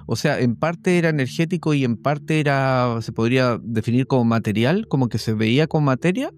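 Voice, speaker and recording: A man's voice: medium pitch, animated, a little fast, a little mellow. A man hosting an interview, offering short encouraging interjections and probing follow-up questions. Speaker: host. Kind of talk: interviewer, brief prompts and questions.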